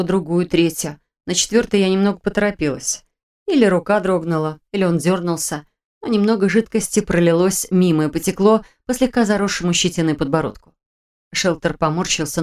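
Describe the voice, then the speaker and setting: A woman reading a first-person fantasy audiobook in a measured, expressive way. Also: lowish voice. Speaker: audiobook narrator.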